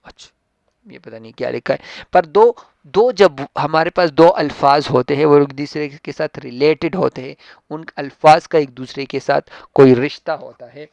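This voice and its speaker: A man teaching an English textbook lesson, explaining patiently and reading English sentences out slowly with emphasis. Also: on the high side, creaky, a little mellow, no echo, lo-fi sound. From Pakistan. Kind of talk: classroom-style textbook lesson.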